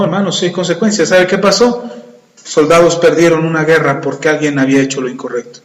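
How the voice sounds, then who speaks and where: A man preaching a sermon, retelling scripture with animated, acted-out dialogue. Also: on the high side. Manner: animated storytelling, acting out voices in quotes. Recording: echoey hall with long reverb.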